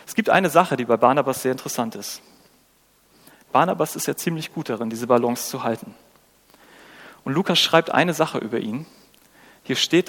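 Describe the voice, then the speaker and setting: A man preaching a sermon, engaging and conversational, often asking the listeners questions and acting out quoted lines. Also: a little high. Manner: engaging, asks rhetorical questions, acts out quotes. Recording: long reverb of a hall.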